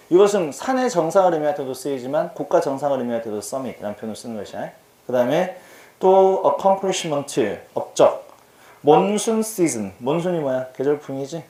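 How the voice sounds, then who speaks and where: A man's voice: mid-range voice, dark tone, reverberant. A man teaching English vocabulary in a casual exam-prep lecture. He talks in a chatty, slangy way and keeps asking his students questions.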